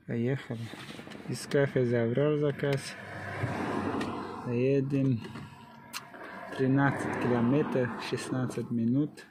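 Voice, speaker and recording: Slow-paced man, noisy recording. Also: medium pitch, level tone. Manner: short, clipped phrases. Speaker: delivery courier vlogger. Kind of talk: casual running commentary while working.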